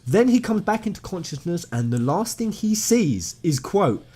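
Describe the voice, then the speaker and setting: Background music plays as a man recounts a story for his viewers as a video game commentator. His voice is high, sing-song and warm at a normal speed, and his informal, enthusiastic delivery stresses and repeats phrases.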